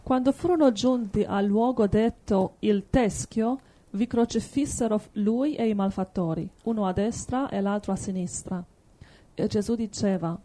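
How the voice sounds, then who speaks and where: A woman calmly reading scripture aloud in a sermon, steady and even. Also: mid-range voice. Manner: calm, steady reading with quiet affirmations. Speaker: scripture reader.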